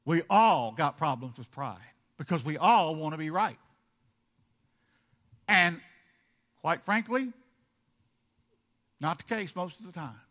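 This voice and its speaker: Male pastor, high bright tone, lively sermon delivery with big loud-soft swings. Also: takes it slowly, long pauses. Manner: animated, swings between loud emphasis and soft asides; acts out the congregation's objections.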